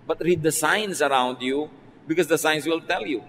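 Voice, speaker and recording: A Filipino pastor preaches with easy, joking asides in a somewhat high voice. His words ring out with a long reverb in a large hall. A faint ambient hum sits under the talk. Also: moderate pace, fairly bright tone. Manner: conversational preaching, mixing Tagalog and English, playful asides. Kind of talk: sermon.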